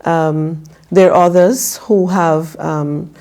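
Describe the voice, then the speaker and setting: Woman, 50s, from Guyana; low, mellow voice; slow, measured interview answers. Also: steady tone. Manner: measured, careful, with frequent filler pauses. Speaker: political candidate guest. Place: TV studio.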